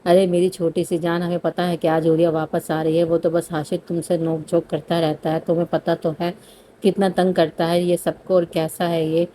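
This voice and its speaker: A woman voicing a protective elder brother who speaks firmly in a low, flat voice. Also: slight background noise, lightly acted. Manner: firm.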